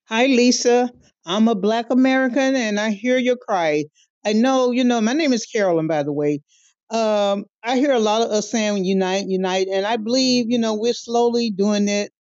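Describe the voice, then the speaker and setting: A woman's voice: on the high side, moderate pace, a little mellow, no room sound. A woman leaving a brief voicemail in an earnest, easygoing way. The phone line is muffled and bone-dry. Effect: voicemail message. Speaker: podcast listener leaving a message. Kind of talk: casual spoken message.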